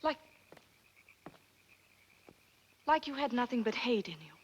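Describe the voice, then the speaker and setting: An actress playing an upset young Southern schoolteacher with a clipped, indignant manner, in a 1940s film. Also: female voice, on the high side, very animated, quick pace, slightly rough, lo-fi sound. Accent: American Southern. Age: young adult.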